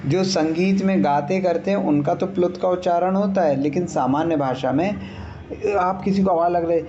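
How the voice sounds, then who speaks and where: A man's voice: high-pitched, normal speed, mellow, highs cut off, a little hiss or hum. A man teaching Sanskrit grammar in an online class, patiently explaining and checking that students follow. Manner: patient, checks understanding, demonstrates sounds aloud.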